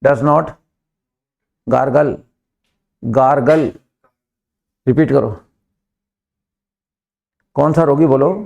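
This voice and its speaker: A man with an Indian accent teaching a live English class, drilling students and pushing them to answer quickly. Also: mid-range voice, steady tone, creaky, a little mellow.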